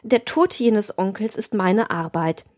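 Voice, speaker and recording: In an audiobook reading, a woman voices a cruel, scheming young nobleman who sounds lofty and lectures. Her mid-range voice is darkish and measured, close to how she'd speak day to day.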